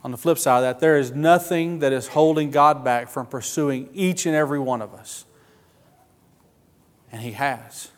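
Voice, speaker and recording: A man preaching a sermon, earnest and emotional, with slow emphatic phrasing. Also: medium pitch, long reverb tail.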